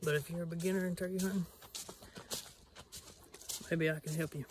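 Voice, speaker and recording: A man rambles to a self-held camera out in the open, his speech full of fillers and restarts. His voice sits a little high and stays fairly flat, with faint outdoor noise behind it. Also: fairly quick. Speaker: hunting vlogger. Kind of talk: casual self-filmed vlog talk. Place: outdoors on rural land. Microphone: self-filmed camera.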